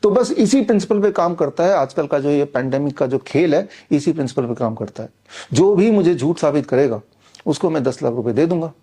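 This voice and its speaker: A middle-aged man speaks in a somewhat high, mellow voice. He talks insistently and combatively, directly to the audience. Frequent "uh" fillers break up his claims. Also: lively intonation, a little fast, husky. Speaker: author promoting his books and a training program. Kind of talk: persuasive direct-to-camera monologue.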